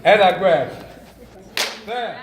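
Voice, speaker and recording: A man's voice: high-pitched, animated, slow, noisy background. A man with a Southern US accent giving a playful, joking talk to a young audience about money, quizzing them as he goes. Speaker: speaker teaching kids about money. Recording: echoey hall with audience chatter.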